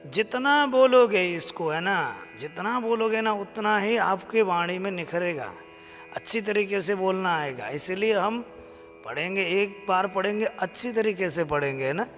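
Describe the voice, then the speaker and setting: A man with a high voice leads a slow lesson in chanting a devotional hymn. He sings each line and then gently urges listeners to repeat it. A long reverb and faint music hang behind him. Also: animated. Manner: chants verses slowly, then coaxes viewers to repeat. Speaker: stotra recitation teacher. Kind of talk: live stream chanting lesson.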